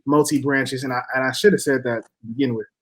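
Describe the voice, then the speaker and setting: A man's voice: medium pitch, steady tone, fast. A man hosting a casual fight interview, asking questions in informal, slangy talk.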